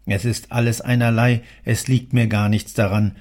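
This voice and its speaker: A man voicing a gruff, domineering older male factory owner who scolds loudly and sarcastically. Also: on the low side, normal speed. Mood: scolding.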